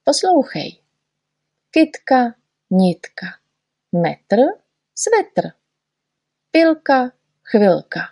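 A woman's voice: medium pitch, sing-song, warm tone, breathy edge, no echo, studio quality. A woman voicing a fussy little male poet in a storybook reading, patiently explaining and correcting. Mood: lecturing.

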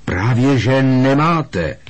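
A man reading an audiobook, voicing an agitated teenage boy who pleads and shouts urgently. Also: lowish voice, animated, slightly rough.

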